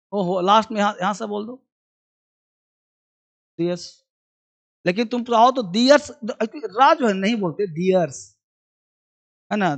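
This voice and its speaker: Brief: Indian male English teacher in a classroom, unhurried drill-style delivery, repeats words for the class. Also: sits high, fairly bright tone. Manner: repeats sounds and words for students to copy, gives brisk instructions.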